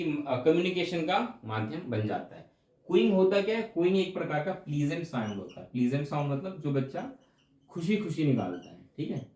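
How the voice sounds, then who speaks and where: A man's voice: fairly high pitch, darkish tone, reverberant. A male teacher giving an explanatory exam-prep lecture, going over each point again and checking in with his students. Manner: explanatory, repeats points with frequent check-ins.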